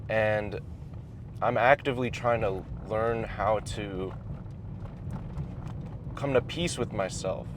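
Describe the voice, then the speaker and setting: Young man talking with mouth full, road noise. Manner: talking while eating, mouth at times full; halting, thoughtful, pausing mid-phrase. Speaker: vlogger giving personal advice. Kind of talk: casual reflective advice monologue. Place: inside a car while driving. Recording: clear vehicle and road noise. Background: car and road rumble.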